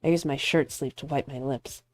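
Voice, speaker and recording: A woman with a bass, darkish voice plays a hot-tempered young male actor who narrates and snaps angrily at his rival, sounding annoyed and irritated. Her tone is steady and her pace moderate. Soft music plays in the background.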